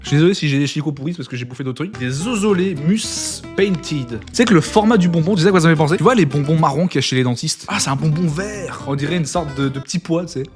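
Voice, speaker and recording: A young man tasting foods in a casual vlog, jokey and excitable, with sudden loud outbursts. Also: fairly high pitch, racing, hardly any pauses, music in the background.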